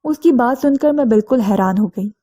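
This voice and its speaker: Mellow-voiced woman telling a story. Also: fairly high pitch. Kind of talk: scripted first-person narration.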